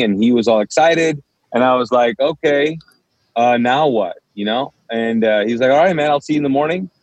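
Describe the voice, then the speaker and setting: A pastor from Kuwait, an Urdu native speaker, animatedly relates his story as a guest in a casual interview and plays out the quoted dialogue. His voice sits at medium pitch, and the recording is dry and muffled.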